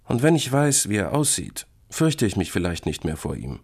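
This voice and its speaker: A man voicing a small, stubborn, easily scared boy in a children's story, high and whiny. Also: very animated, moderate pace, darkish tone, breathy edge, exaggerated voice. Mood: anxious.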